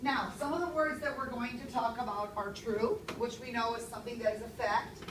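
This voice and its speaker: A woman in her thirties teaching a classroom language lesson, speaking clearly and stressing key words. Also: a little high, steady tone, brisk, background noise. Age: 30s. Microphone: far camera. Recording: echoey classroom from far off.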